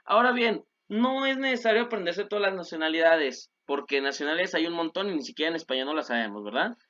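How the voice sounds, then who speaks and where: A man gives a patient language lesson in a bright, clear voice. He explains step by step and repeats each example pair slowly. The recording is dull and lo-fi. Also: on the high side, animated. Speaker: French teacher.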